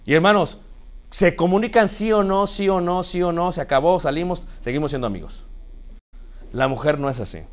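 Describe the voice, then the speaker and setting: Male preacher, high voice, playful storytelling sermon. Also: fairly quick. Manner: animated, acts out couples' dialogue with humor.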